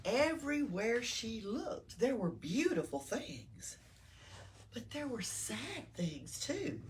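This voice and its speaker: Indoors at a library storytime, a woman with a Southern US accent reads a picture book aloud to children in a fairly high voice. She reads expressively and pauses to ask them questions. A distant mic picks up noticeable room noise.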